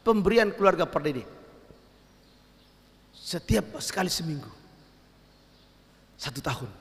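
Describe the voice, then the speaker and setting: A male pastor preaching a storytelling sermon, lively and given to shouting for emphasis. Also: sits high, creaky. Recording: long hall reverb.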